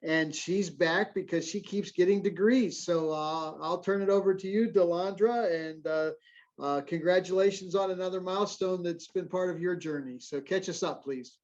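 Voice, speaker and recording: A man hosting a graduation ceremony over a video call, friendly and halting, with many fillers. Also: darkish tone. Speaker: ceremony host. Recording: muffled low-fidelity audio.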